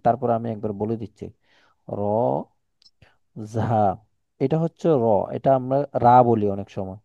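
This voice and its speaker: A patient man with a Chittagong Bengali accent, teaching letters slowly and repeating each sound. His voice is dark and mellow, and the line is dry and dull like a call. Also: medium pitch, gravelly, no echo. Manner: patient, explains slowly with repetition and examples. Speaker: Quran teacher. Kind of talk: one-on-one Quran lesson.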